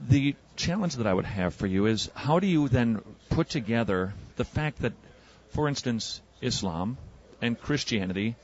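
Low-voiced man evangelizing outdoors, fast probing questions, muffled old radio recording. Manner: probing, rapid-fire questioning. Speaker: street evangelist and radio host. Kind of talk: street debate. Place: outdoors on a city street.

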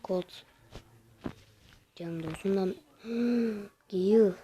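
A young woman giving casual gameplay commentary, talking straight to her viewers with frustrated, excitable outbursts. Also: medium pitch, drawn-out words, background noise.

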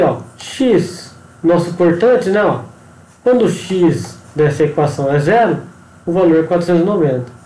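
A male engineering instructor with a Brazilian Portuguese accent walks through a worked engineering problem in a screen-recorded tutorial, checking in often with the listener through frequent tag questions and pointing words. His voice is high-pitched and mellow, with a roomy sound and poor audio.

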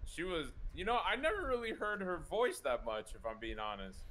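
A man's voice: fairly high pitch, big pitch swings, moderate pace, a crowd in the background, poor audio. A man from Florida bantering casually during a roleplay game, joking and swearing freely. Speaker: roleplay streamer.

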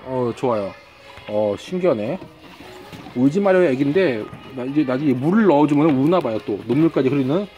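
Woman toy reviewer: low voice that swings widely, chatty and full of wonder, music underneath. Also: lively intonation, a little fast, mellow. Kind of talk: excited toy review vlog. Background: background music.

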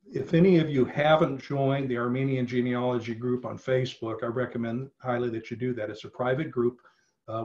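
Over slightly dull video call audio, a middle-aged man gives an informal genealogy presentation online. His voice is medium in pitch with a darkish quality, and he often restarts and leans on fillers.

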